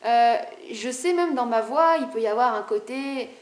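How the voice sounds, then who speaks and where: A woman spiritual vlogger talking fast and animatedly to camera in a casual, rebellious way, with a high-pitched voice. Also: reverberant.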